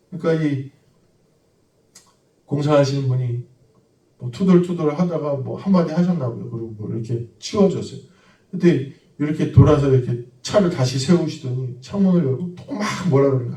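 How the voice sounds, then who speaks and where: A man's voice: on the high side, mellow. A man preaching a sermon as a pastor, telling an everyday story and then pressing his point with emphatic preaching. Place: church sanctuary. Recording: echoey room, mic at a distance.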